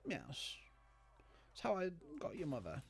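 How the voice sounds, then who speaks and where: A British man trades dry banter over a video game. His voice is creaky and moves widely in pitch, yet his manner stays deadpan and sardonic. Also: a little slow. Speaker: gaming co-commentator.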